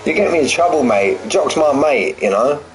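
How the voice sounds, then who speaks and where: Animated and on the high side, this man speaks at a moderate pace through a rough recording with a little hiss or hum. A sim racing streamer in his forties, he commentates a race live, joking around, repeating himself, and bantering with viewers in the lulls.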